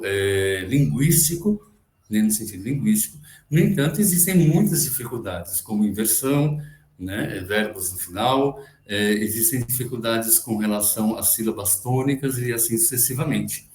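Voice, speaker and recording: Over a video call, a man with a medium-pitched voice teaches Byzantine chant, explaining concepts, tagging his points with frequent questions, and occasionally chanting a short phrase. It's an online music lecture with sung examples, recorded in an echoey room.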